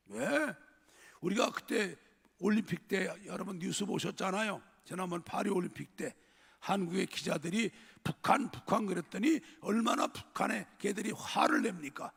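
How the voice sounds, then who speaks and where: A man's voice: sits high, gravelly, a bit bright, breathy edge, in a large hall. An older male pastor preaching a sermon to his congregation in an emphatic style, repeatedly addressing the listeners directly. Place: church sanctuary.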